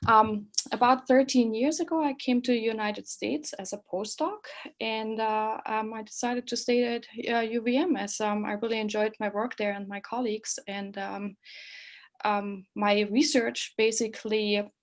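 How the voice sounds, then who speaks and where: A woman's voice: on the high side, steady tone, moderate pace. A woman in her forties from East Germany with a German accent, an associate professor presenting a webinar, earnest and full of ums and uhs. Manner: many um and uh fillers, friendly and earnest.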